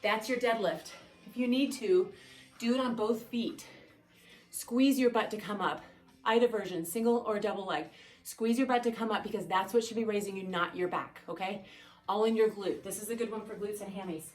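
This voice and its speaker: A woman's voice: mid-range voice, normal speed. Woman coaching a workout in an echoey room. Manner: upbeat coaching cues and countdowns. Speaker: fitness instructor. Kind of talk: workout class instruction. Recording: echoey room, mic at a distance, faint music. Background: faint background music.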